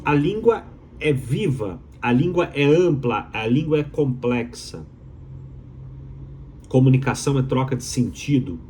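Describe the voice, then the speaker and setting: A Mineiro-accented man from Minas Gerais, Brazil, a doctoral student, gives viewers an opinionated explainer in Brazilian Portuguese. His mid-range voice is a little mellow, unhurried, with lively intonation over slight background noise. He's emphatic and rhetorical, repeating his key phrases.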